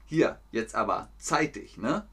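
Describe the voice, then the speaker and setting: A man giving a livestream language lesson, speaking slowly and deliberately, with his pitch swinging up and down expressively. He repeats each word several times and turns to chat with viewers in between. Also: lively intonation, fairly bright tone. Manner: slow, clear, repetitive teaching with frequent laughs; chats with viewers. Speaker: German teacher.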